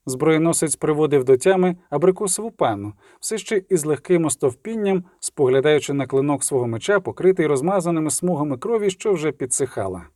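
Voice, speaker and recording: A man's voice: fairly high pitch, expressive, a little fast, few pauses, mellow, no echo, studio quality. A man narrating a fantasy story steadily and evenly. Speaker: audiobook narrator.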